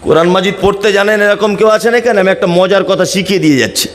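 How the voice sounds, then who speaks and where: A man's voice: sits high, fast. A man from West Bengal with a West Bengal Bengali accent, preaching a waz sermon at a large gathering, asking the crowd questions and answering them himself. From West Bengal, India. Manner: counts and explains in a teaching tone. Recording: echoey, long reverb over a public address system.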